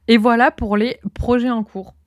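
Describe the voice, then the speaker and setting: A woman's voice: a little high, fairly even intonation, moderate pace, no room sound, studio quality. A woman with a Cantal accent from Auvergne, hosting a podcast and chatting casually while she crochets, rambling with many fillers. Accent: Cantal, Auvergne French. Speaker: podcast host. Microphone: own close microphone.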